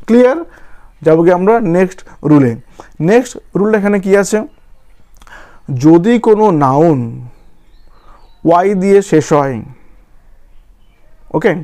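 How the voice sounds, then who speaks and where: A man's voice: high-pitched, a little mellow, smooth. A man teaching a grammar lesson, spelling words out letter by letter and often checking that students follow. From West Bengal.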